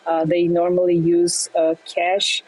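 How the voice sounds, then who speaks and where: A fintech entrepreneur from Brazil, in her thirties, responds to interview questions in English with a lowish voice and a completely flat delivery. Her speech is halting, with frequent fillers, restarts and soft laughs, and the audio is poor.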